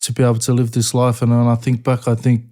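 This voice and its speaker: This laid-back man from American Samoa, appearing as a guest rapper in a relaxed interview, curses freely and bursts into excited laughter. He talks fast in a mid-range voice.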